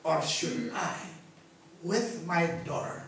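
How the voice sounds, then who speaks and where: A man's voice: a little high, drawn-out words, fairly bright tone, slight background noise, voice pushed down. A man voicing an anxious, urgent father pleading for his dying daughter, impatient and mixing in English lines. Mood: resolute. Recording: echoey hall from far off.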